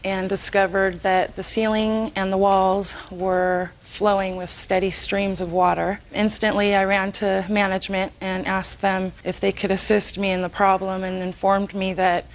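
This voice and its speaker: Female plaintiff on the stand, precise wording, very even intonation, formal. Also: mid-range voice, measured pace, hardly any pauses, poor audio. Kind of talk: courtroom testimony.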